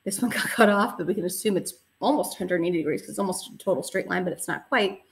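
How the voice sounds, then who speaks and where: A woman teaching a recorded math lesson, explaining patiently step by step with frequent pauses and fillers. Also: fairly low pitch.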